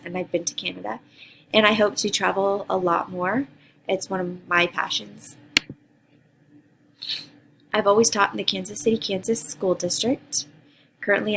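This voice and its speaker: Speaking at a medium pitch, a woman in her thirties who teaches in Costa Rica earnestly introduces a graduate course, reading some prepared answers and adding a few ums. The audio is poor, with slight noise behind her.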